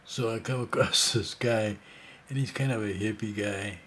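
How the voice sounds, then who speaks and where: A man's voice: fairly low pitch, steady tone, normal speed, fairly bright tone, a little hiss or hum. A man in his sixties telling a rambling, casual story full of fillers and asides. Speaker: vlogger.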